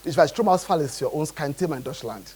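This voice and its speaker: A man's voice: on the high side, animated, fast talker, a little mellow, slightly rough. A man from Nigeria, preaching a sermon as pastor and often checking in with his congregation.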